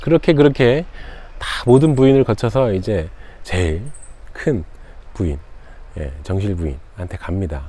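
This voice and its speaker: A man from Jeju, a channel host, casually retelling a folktale outdoors in a relaxed, conversational way. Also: fairly low pitch, moderate pace. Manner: relaxed, conversational, frequent fillers.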